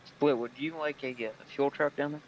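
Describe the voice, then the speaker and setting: A man's voice: on the high side, steady tone, normal speed, a little hiss or hum. A man playing along in a multiplayer game, speaking briefly and politely over voice chat. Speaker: co-player. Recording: muffled lo-fi voice chat.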